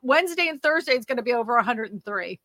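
A woman from Louisiana, USA, hosts a casual livestream about the housing market, reading comments as she chats. Her slightly nasal voice sits a little high and sounds animated and sharp, moving at a quick pace, with frequent fillers and restarts in her rambling delivery. The recording is dry, with clean studio sound.

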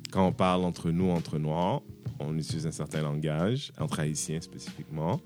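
A man's voice: rumbling low, normal speed, over music. A man hosting a casual podcast chat, asking questions and slipping into English phrases. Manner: conversational, asks questions, switches into English phrases. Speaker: podcast host.

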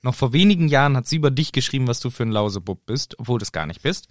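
A clever, skeptical teenage girl scolding her friend, as a man plays her in his own voice. The delivery rises and falls lively, and it is recorded close and dry. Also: medium pitch, very fast, no echo, natural voice. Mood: chiding.

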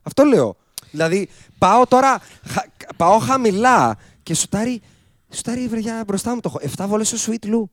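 Male podcast co-host, excitable, bursts into shouts, lively intonation. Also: high voice, dry recording, clean studio sound. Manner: animated, loud outbursts. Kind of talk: casual sports chat.

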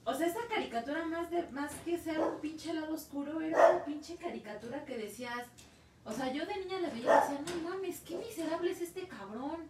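High-voiced, slangy Mexican woman. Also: a little fast, far from the mic, background noise. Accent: Mexican Spanish. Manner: animated, slangy, swears freely. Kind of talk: casual chat. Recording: echoey room, voice from off-mic.

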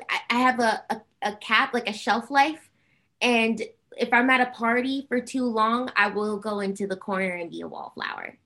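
A woman from the eastern US, from Harlem and New Jersey, gives casual, effusive answers as an interview guest; she is a singer and actor. Her voice is on the high side, bright and forceful.

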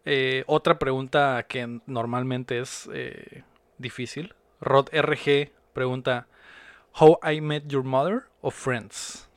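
A man's voice: medium pitch, steady tone, takes it slowly, clean tone, no room sound. A man with a Mexican accent hosting a gaming podcast in an informal, slangy way. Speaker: podcast host. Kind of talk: casual gaming podcast chat.

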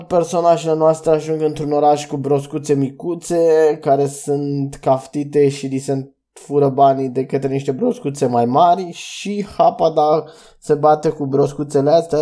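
A man's voice: fairly high pitch, warm tone. A young man hosting a solo podcast, reviewing cartoon episodes in a loose, rambling way with restarts and fillers. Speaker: podcast host.

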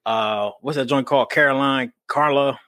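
A man's voice: medium pitch, moderate pace, pushed and bright, no room sound. A man co-hosting a podcast in casual chat, laughing often and swearing freely, on a close mic. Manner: laughs often, loose and profane. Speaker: podcast co-host.

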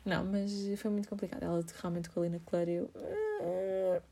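A young woman talks straight to her viewers. She speaks quickly in a mellow, warm tone, with lots of fillers and laughs scattered through her storytelling. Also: fairly low pitch, flat delivery. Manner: chatty, laughing, heavy filler use. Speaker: vlogger.

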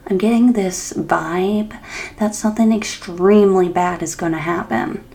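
A woman voicing a nervous young woman friend who talks in a hushed, faltering way. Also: mid-range voice, unhurried, vocal fry.

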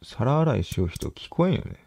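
A young man, quietly mumbling to himself at home late at night, nervous and hesitant. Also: medium pitch, sing-song, fairly quick, gravelly, husky, dry recording. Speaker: vlogger.

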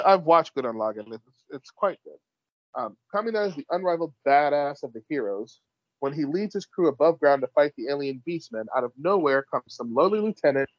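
A man co-hosts a casual podcast, reading out entries in a blunt, wry way. His voice sits slightly high and swings widely in pitch. The sound is dry and dull, like a lo-fi home recording. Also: dry recording. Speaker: podcast co-host. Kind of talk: casual chat, reading list entries aloud.

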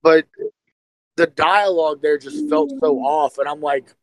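High-voiced man in eager podcast chat. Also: a little slow, poor audio. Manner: excited, speculative, stumbles and repeats words. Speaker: podcast co-host.

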